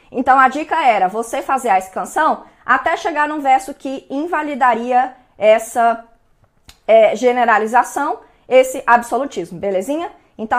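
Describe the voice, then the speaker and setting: A woman with a Brazilian Portuguese accent, teaching an online exam-prep lesson in a chatty way and checking in often with her students. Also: high-pitched. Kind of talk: online lesson, going over exam answers.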